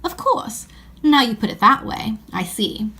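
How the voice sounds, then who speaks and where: A woman's voice: on the high side, big pitch swings, unhurried, sharp tone, heavily acted. A woman voicing an earnest, fair-minded eldest-brother schoolboy in a children's story, with emphatic old-fashioned phrasing.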